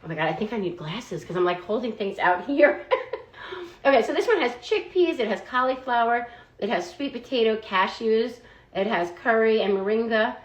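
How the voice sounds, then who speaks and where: A woman's voice: a little high, moderate pace. Chatty woman in a roomy echo. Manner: chatty, fillers of "like" and "um". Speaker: food product reviewer. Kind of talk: casual product review vlog.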